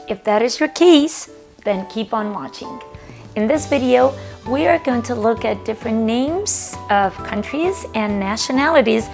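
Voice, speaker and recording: Slow, clear female English teacher. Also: a little high. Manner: slow, clear, repeats words for learners. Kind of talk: online English lesson.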